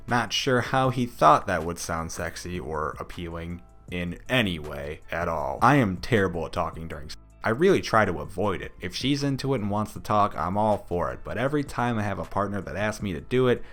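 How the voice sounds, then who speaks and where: A man's voice: low-pitched, fairly bright tone. A man reading out anonymous Reddit stories, adding joking asides and often breaking into laughter. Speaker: Reddit story narrator.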